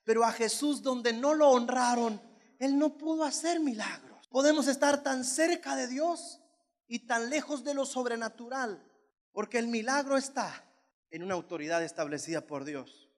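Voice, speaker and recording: A man's voice: extremely high pitch, normal speed. A male pastor preaching a sermon, emphatic and repetitive as he tells a story. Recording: long church hall reverb.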